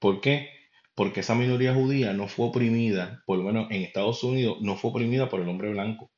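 A man's voice: fairly low pitch, brisk, a little mellow. A man from Puerto Rico with a Puerto Rican Spanish accent, hosting a podcast and giving his opinions in a rambling, conversational way that speaks straight to the listener. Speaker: podcast host. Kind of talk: casual opinion monologue. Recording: roomy, dull lo-fi recording.

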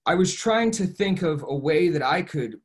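A man's voice: on the high side, expressive, moderate pace. A young man from Ohio, a podcast guest telling his story in an earnest, reflective way, often restarting and saying "you know". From Ohio, USA. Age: young adult. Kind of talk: casual podcast interview.

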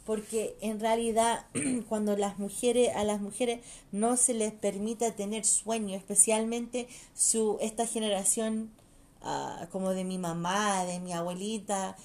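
A woman's voice: mid-range voice, fairly even intonation, unhurried, a little mellow. A mother chatting casually and bluntly, swearing freely and switching between languages mid-sentence. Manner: blunt and profane. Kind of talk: casual chat.

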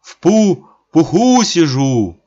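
Reader doing a stout cheery workman, puffing, hoarse, stammering, high and loud, muffled audio. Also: big pitch swings, takes it slowly, exaggerated voice. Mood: merry. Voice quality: hoarse, puffing, stuttering from cold. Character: stout merry workman, deferential, stubborn. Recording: dull lo-fi audiobook recording.

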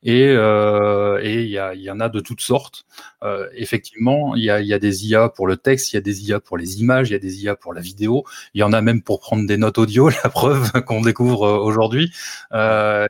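A man's voice: fairly low pitch, steady tone, a little fast, no room sound, studio quality. A man co-hosting a casual tech podcast, explaining at length with many fillers and restarts and an occasional chuckle. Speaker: co-host presenting the topic.

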